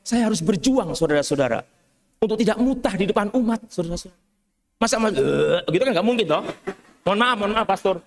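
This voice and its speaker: High-voiced priest telling stories in a sermon. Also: male voice, fast. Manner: lively storytelling with humorous asides, often calling out to the congregation. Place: cathedral church.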